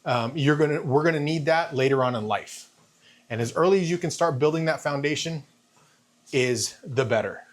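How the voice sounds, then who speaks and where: A man in his fifties giving a casual, halting vlog monologue, thinking aloud and repeating phrases while walking on a treadmill. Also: a little high. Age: 50s. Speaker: fitness vlogger.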